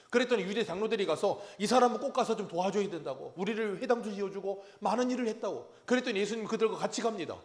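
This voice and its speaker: A man preaching a Sunday sermon as pastor, telling Bible stories with acted quotes and questions to the congregation. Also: high-pitched. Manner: animated storytelling, acting out biblical quotes and asking the congregation questions. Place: church sanctuary.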